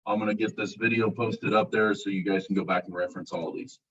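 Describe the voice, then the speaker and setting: A male college instructor giving a casual classroom lecture, relaxed and self-described as monotone. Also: lowish voice, fast, breathy edge. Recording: muffled, distant classroom recording.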